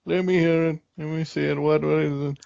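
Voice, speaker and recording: High-voiced man, heavy Afrikaans accent. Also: steady tone, a little fast, vocal fry, a little mellow. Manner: blunt, joking, swearing. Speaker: podcast co-host. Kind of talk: casual banter. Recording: dull, lo-fi online call.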